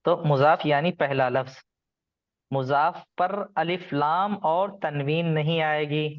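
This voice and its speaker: A man's voice: fairly high pitch, slow pace, lo-fi sound. A man teaching an online grammar class, patiently explaining rules and calling on students by name.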